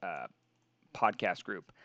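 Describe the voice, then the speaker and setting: A man's voice: low-pitched, expressive, takes it slowly, sharp tone, no room sound, muffled recording. A man hosting a podcast in casual chat, rambling, laughing and swearing casually. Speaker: podcast host.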